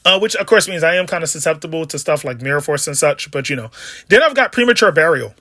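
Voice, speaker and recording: Bright-voiced chatty man talking card games. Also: a little high, animated, fast talker, no echo, studio quality. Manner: rambling, chatty, jokey asides. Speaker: card game video host. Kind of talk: casual deck profile commentary.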